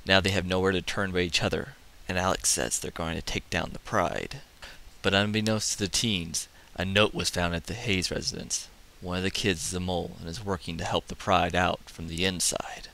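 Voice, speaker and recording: Bright-toned man reviewing comics. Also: low voice, normal speed, vocal fry. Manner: excitable, casual asides. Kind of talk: enthusiastic comic review narration.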